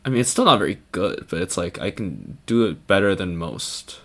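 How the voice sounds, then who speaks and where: A man's voice: sits low, very animated, moderate pace, fairly bright tone. A young man chatting casually on a live stream, playful and rambling, laughing often.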